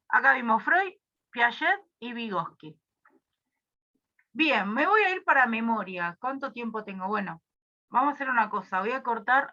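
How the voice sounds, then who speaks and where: A woman's voice: medium pitch, sharp tone, lo-fi sound. A young woman with a Rioplatense Spanish accent, tutoring a review class casually with many fillers and asides.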